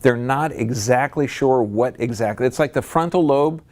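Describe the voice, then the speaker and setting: Emphatic man lecturing a live audience. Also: moderate pace. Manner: animated, emphatic, jumps up in pitch for emphasis. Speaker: health speaker giving a talk. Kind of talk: live seminar talk to an audience.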